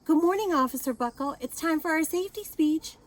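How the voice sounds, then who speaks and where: A woman's voice: high voice, a little fast, pitched above the performer's own voice, close to an everyday voice. A woman voicing a polite, coaxing female school principal in a storybook.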